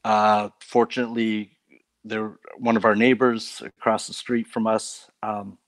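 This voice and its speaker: A man from Canada, a guest on a faith talk show, telling stories about his life in a relaxed way with light laughs. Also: lowish voice, unhurried, no room sound. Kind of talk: casual testimony interview.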